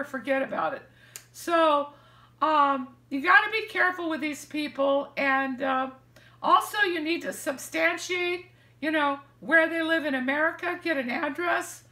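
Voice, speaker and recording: Older lady chatting in her living room, high-pitched and lively, acts out quotes, echoey room. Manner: animated, acts out quoted lines with hand gestures. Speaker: vlogger sharing dating advice. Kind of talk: casual storytelling to camera. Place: living room, seated in armchair indoors.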